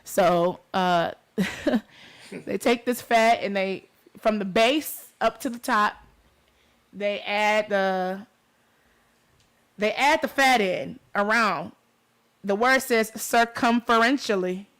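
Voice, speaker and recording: A woman's voice: medium pitch, slow, pauses often, fairly bright tone. A woman with a Detroit accent hosting a talk show in an informal, conversational way, speaking straight to her listeners. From Detroit, United States. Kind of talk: casual talk show chat.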